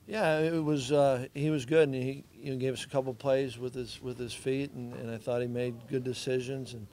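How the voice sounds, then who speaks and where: A middle-aged man speaks as a head football coach at a postgame press conference. His delivery is flat and understated, with little rise and fall. His tone is mellow and dark, with faint noise behind him. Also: mid-range voice, normal speed.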